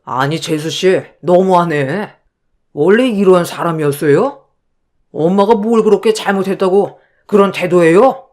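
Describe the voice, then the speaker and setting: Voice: medium pitch, unhurried, darkish tone, natural voice. A performer voicing a resentful man, the brother-in-law, who answers his sister-in-law with sarcastic accusations. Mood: accusing.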